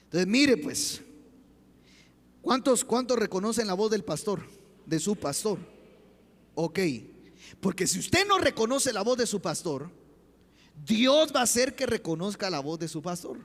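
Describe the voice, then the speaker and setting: Man, pastor, fervent sermon, high voice, long hall reverb. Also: sing-song, a little slow, pauses often. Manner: impassioned preaching with rhetorical questions. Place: church.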